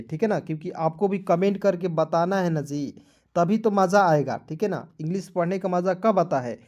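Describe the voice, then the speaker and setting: A man's voice: high voice, darkish tone. Man spelling out English words. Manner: spells words letter by letter, asks viewers to comment. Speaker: English teacher. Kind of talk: Hindi-language English spelling lesson.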